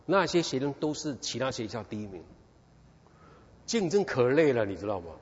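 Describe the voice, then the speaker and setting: A middle-aged male preacher tells his own story as a sermon. His pitch swings widely, and he keeps turning to the congregation with questions. The sound is dull and muffled, with a long hall reverb behind him. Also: normal speed. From Taiwan. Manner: animated storytelling, constant rhetorical questions. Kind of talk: sermon with personal testimony.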